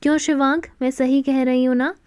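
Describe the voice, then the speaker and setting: A woman's voice: high voice, level tone, brisk, a little mellow, clean tone, no room sound, clean studio sound, lightly acted. A woman voicing a bold, direct young wife who confronts her family with pointed questions. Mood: determined.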